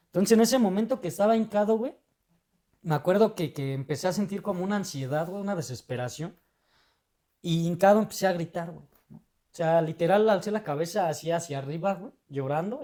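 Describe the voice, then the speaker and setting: A man's voice: fairly high pitch, dark tone. A young adult man with a Mexican Spanish accent, telling a personal story in casual, emotional, slang-heavy chat, dropping a tag word into nearly every phrase. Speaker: guest.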